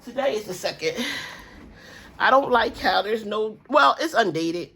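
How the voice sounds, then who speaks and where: This vlogger talks a little slowly in a mid-range, expressive voice that is a bit bright with a breathy edge. Stuffy-nosed, she chats casually to camera about her budget, filling her rambling with fillers and calls of guys and y'all.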